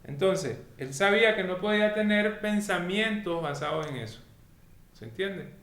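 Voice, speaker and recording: A man's voice: high voice, expressive, moderate pace, fairly bright tone. A man teaching a weekly Torah lesson in a didactic way, often checking that his listeners follow. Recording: echoey room with faint noise.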